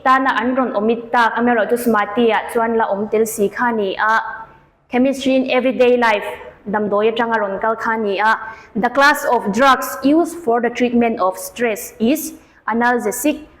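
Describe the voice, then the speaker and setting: A woman teacher goes through exam questions option by option in an unhurried, explanatory way. Her voice sits a little high, and a long reverb trails behind her words. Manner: explanatory, lists options one by one. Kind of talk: exam question walkthrough lesson.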